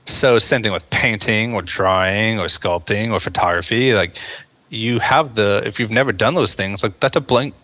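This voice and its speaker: An American man speaks as an interview guest, thoughtful and earnest. His voice sits low yet has a bright, forceful edge, and his speech is loose and casual, full of "like" and "you know" as he works his way to each point. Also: normal speed. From United States. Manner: earnest and reflective, many fillers like "like" and "you know". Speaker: guest, veteran turned actor.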